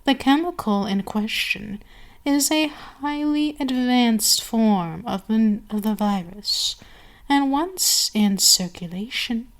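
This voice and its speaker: Pitched on the high side, a woman plays a cruel, seductive vampire queen in ASMR, scheming haughtily. She delivers her lines deliberately, with breathy whispers and pauses that linger.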